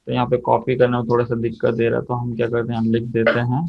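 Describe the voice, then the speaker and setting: A man teaching an accounting software class, walking through each step and quizzing his students as he goes. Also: medium pitch, monotone, fast talker, creaky, lo-fi sound. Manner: explains step by step, often checks students' answers. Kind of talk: software tutorial lesson.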